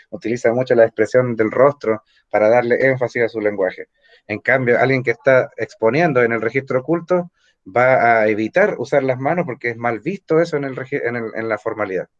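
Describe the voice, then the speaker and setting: A man's voice: mid-range voice, lo-fi sound. Chilean man teaching a class. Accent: Chilean Spanish. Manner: explanatory, asks rhetorical questions, frequent "¿ah?" tags. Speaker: language teacher. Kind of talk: online evening class lecture. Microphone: computer or phone mic on a video call.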